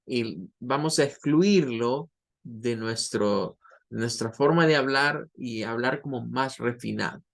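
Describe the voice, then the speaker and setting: A man's voice: medium pitch, slow, vocal fry. A man teaching English pronunciation in a lecture, explaining patiently and repeating example words. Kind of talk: online lecture.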